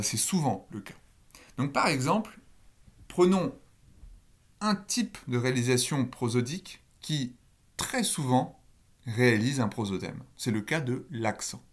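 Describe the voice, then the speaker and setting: A man giving a recorded university lecture on phonology, explaining step by step and asking the listeners questions. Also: mid-range voice.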